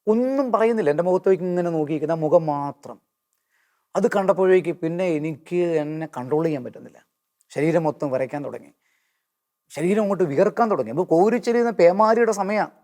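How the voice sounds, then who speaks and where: A man giving an earnest personal testimony in an interview, slowing down when he quotes hymn lines. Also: sits high, darkish tone.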